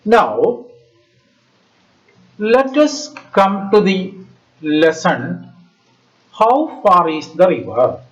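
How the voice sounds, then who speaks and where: A male school teacher with a Malayalam Indian English accent gives a didactic lesson to schoolchildren in short halting phrases, often asking questions. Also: high voice, very animated. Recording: slightly dull lo-fi audio.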